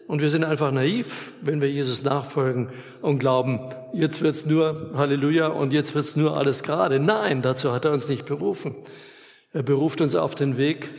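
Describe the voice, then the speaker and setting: Slow, gravelly male preacher in a reverberant church. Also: fairly high pitch. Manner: earnest, slow and emphatic, with long pauses. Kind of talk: sermon. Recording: long reverb of a church hall.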